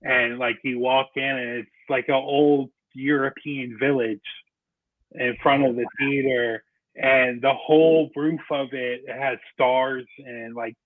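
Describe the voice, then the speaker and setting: A man's voice: mid-range voice, fairly even intonation, takes it slowly, no room sound. A man hosting a casual chat, rambling and restarting as he explains things. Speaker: podcast host. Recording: tinny phone-line sound, dry.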